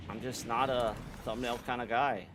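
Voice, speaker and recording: A man's voice: mid-range voice, steady tone, normal speed. A young man streaming a game live, chatting casually to his viewers in a laid-back, slangy way. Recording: noisy background.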